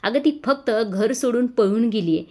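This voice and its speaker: A woman voicing a scornful, sharp-tongued woman of a household in a TV serial recap. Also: fairly high pitch, animated, normal speed, natural voice. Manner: scornful and shouting.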